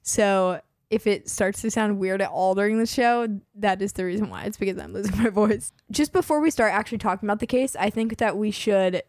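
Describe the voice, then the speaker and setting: This twenty-something podcast host is losing her voice, which sounds a bit worn, yet she keeps chatting casually and saying "like" constantly. Her mid-range voice is a little mellow and fairly quick, with few pauses. The studio sound is clean, with no echo.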